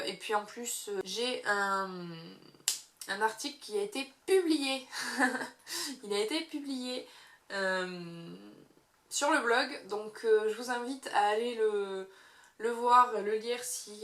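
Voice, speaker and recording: A woman's voice: medium pitch, slow pace, a bit bright. A young woman chatting casually about her favorite makeup, hesitating often with fillers. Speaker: beauty vlogger. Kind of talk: casual monthly favorites review. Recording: echoey room.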